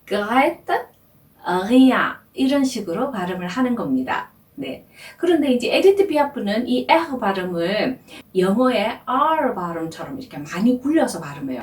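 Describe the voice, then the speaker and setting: A woman teaching French, explaining pronunciation slowly and carefully. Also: mid-range voice, sing-song, a little mellow, roomy sound, far from the mic. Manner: slow, careful explanation with drawn-out demonstration words. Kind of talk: language lesson.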